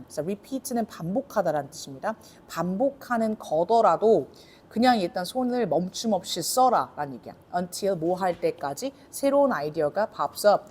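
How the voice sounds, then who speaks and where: A woman's voice: lowish voice, darkish tone, husky. A woman teaching English grammar in a recorded lecture, explaining step by step with rhetorical questions and reading English lines in a Korean accent.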